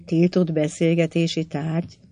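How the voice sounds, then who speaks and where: A man's voice: on the high side, little pitch movement, mellow, lightly acted. A reader voicing a talkative teasing American man. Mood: chatty. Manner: chatty, teasing, grumbling. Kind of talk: audiobook dialogue reading.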